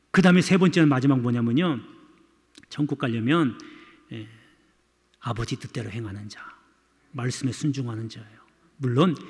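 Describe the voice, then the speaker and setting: A man's voice: mid-range voice, big-room sound. A male pastor preaching a sermon in a church, speaking emphatically and repeatedly addressing the congregation. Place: church sanctuary.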